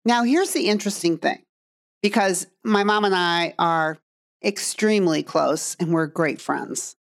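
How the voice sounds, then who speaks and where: A woman's voice: on the low side, measured pace. A middle-aged woman hosting a podcast as a coach, talking earnestly and straight to the listener, repeating phrases for emphasis. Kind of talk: heartfelt podcast monologue.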